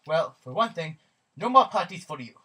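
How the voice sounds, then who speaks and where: A calm, blunt doctor from a goofy sock puppet comedy, voiced by a woman. The delivery is matter-of-fact, lowered in pitch and somewhat raspy. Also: normal speed, distant mic, heavily acted.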